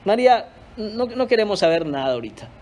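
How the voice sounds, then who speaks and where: A man's voice: high-pitched, very animated, quick pace, a little mellow. A man voicing gloomy, self-pitying disciples who brush off good news, in a sermon. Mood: sulking. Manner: whiny, dismissive.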